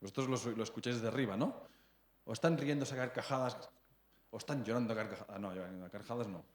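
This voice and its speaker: A fast-talking man in his thirties from Spain gives a conversational sermon at medium pitch, with a little background noise. The church hall echoes as he checks in with listeners and trips over or repeats words while reaching for phrasing.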